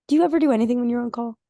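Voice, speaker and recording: Hoarse young woman chatting, low energy. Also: dark tone, no echo, clean studio sound. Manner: rambling, lots of "like" fillers. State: hoarse, losing her voice. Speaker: podcast co-host. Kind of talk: casual chat.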